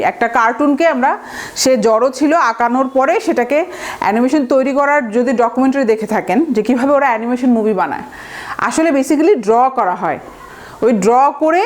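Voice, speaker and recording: Woman, Bangladeshi accent, high voice, exam-prep lesson, sprinkles English phrases. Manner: mixes English phrases into her talk, breaks long words into syllables; fillers and restarts, asks the viewer rhetorical questions. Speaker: vocabulary teacher.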